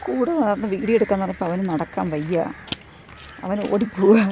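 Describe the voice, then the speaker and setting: A woman walking a rural path on a casual vlog, hoarse from losing her voice, chatty and rambling as she repeats herself. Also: mid-range voice, a little fast, mellow, a little hiss or hum. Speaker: vlogger. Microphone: phone front camera at arm's length.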